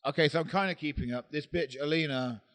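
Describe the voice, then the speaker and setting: A man's voice: on the high side, fast talker, a bit bright. A young man co-hosting a podcast, joking and teasing while taking turns reading a ghost story. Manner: joking, teasing, swears casually. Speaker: podcast co-host. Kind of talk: casual chat and reading a ghost story aloud.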